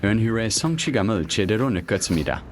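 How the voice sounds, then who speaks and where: A man narrates a vlog in a scripted, slangy style. His voice sits a little low but moves with lively intonation, over faint outdoor noise. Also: a little fast.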